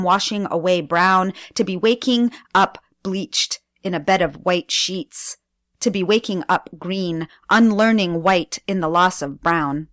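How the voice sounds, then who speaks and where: Woman slowly performing spoken-word poetry. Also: mid-range voice, dry recording, studio quality. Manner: slow, deliberate delivery with dramatic pauses. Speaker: guest poet.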